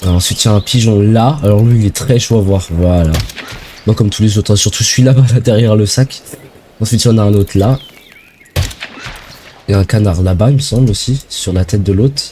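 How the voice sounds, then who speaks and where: Young french guy hyped up narrating his game, slangy and chatty, mellow tone, bit of hiss behind. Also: on the low side, brisk. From France. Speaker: gaming video creator. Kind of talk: casual let's-play commentary.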